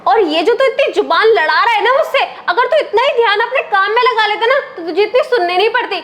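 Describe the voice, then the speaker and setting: A woman's voice: animated, quick pace, fairly bright tone. A young woman playing an arrogant rich wife who scolds and mocks her driver. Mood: scornful. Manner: shrill, scolding, mocking. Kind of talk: amateur web drama acting.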